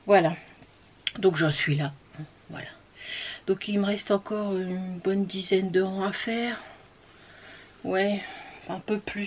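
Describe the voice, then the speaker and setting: A woman's voice: mid-range voice, a little hiss or hum. Chatty woman knitting, murmuring asides. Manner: chatty, many fillers, drops to murmurs and whispers. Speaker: knitting vlogger. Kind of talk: casual knitting vlog.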